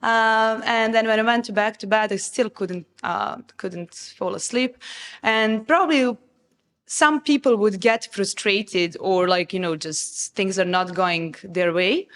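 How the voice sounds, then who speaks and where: A woman from Serbia with a Serbian accent, speaking as an interview guest in a calm, thoughtful way, pausing often with ums. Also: mid-range voice. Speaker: guest, restaurant founder. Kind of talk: reflective interview conversation. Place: restaurant bistro. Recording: roomy reverb in a bistro.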